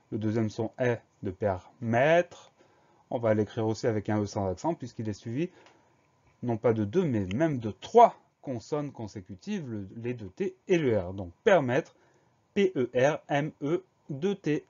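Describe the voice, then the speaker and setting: A man's voice: medium pitch, expressive, a little slow, warm tone, muffled recording. A male teacher giving a spelling dictation lesson, breaking words into syllables and spelling them out letter by letter.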